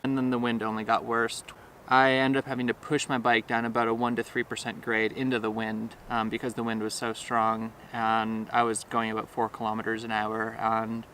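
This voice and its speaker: Bright-voiced american cyclist. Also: male voice, mid-range voice, normal speed, a little hiss or hum. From Minnesota, United States. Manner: frank, animated storytelling. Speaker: touring cyclist. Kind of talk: interview recollection.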